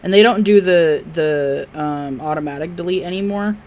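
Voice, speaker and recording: A woman with a somewhat low voice chats casually as a podcast co-host. She talks bluntly and swears freely. A faint hiss of noise sits under the recording. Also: moderate pace, a little mellow. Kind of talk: casual chat.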